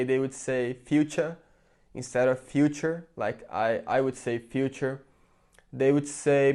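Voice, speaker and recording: A mid-range, darkish, clean-toned voice belongs to a Brazilian vlogger in England. He talks in English with a Brazilian Portuguese accent, rambling chattily through an opinion vlog with plenty of fillers and restarts.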